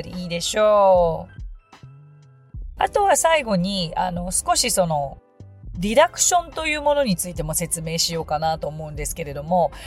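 Lively, polite woman teaching pronunciation. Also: fairly low pitch. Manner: polite teaching talk, models words slowly and has listeners repeat. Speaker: English pronunciation teacher and podcast host. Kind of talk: podcast pronunciation lesson.

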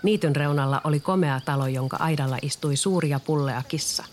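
A storyteller reading a children's storybook aloud in a calm, even way. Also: medium pitch, slight background noise.

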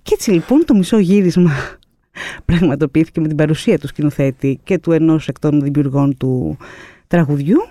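A woman guest, a producer, telling an anecdote in a lively, expressive way with many fillers and pauses. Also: low-pitched, no echo. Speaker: producer and artistic director, guest. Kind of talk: animated storytelling anecdote.

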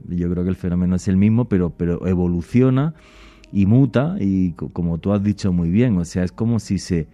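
Very deep, dark-voiced male show host. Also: a little fast, dry recording. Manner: musing, rhetorical, repeats phrases for emphasis. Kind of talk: conversational paranormal talk show hosting. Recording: muffled lo-fi audio with music behind. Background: background music.

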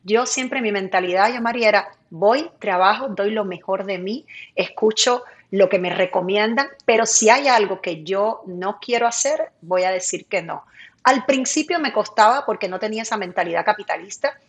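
A woman from Cuba who works as a TV presenter, chatting lively in an interview and often laughing as she talks. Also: medium pitch, normal speed. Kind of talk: casual interview chat.

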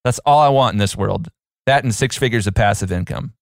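A man's voice: on the low side, fairly quick, gravelly, dry recording, studio quality. A man co-hosting a casual podcast, playful and fond of putting on silly voices. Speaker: podcast co-host.

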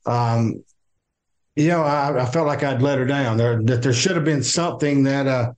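Halting older Southern man, interviewee. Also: mid-range voice. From American South. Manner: halting, many fillers and restarts. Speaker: guest. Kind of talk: interview, personal account.

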